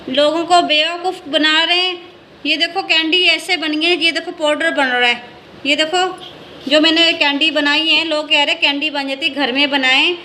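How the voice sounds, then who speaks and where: A woman's voice: very high voice, bright, forceful tone, slight background noise. A woman, chatting casually as she demonstrates a recipe in her home kitchen, walking through each step and pointing things out as she goes. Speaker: home cooking vlogger.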